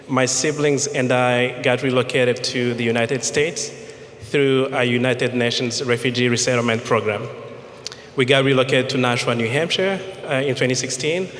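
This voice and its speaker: A man's voice: mid-range voice, fairly even intonation, normal speed, fairly bright tone. Polite man from Congo, echoey hall. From Democratic Republic of Congo. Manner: composed, polite. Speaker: panelist. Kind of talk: self-introduction at live panel. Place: event stage.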